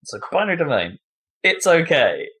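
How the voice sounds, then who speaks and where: A man's voice: a little high, very animated, normal speed, a bit bright. Chatty man, rambling podcast talk. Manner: rambling, lots of fillers and laughter. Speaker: podcast co-host. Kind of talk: casual chat about video games.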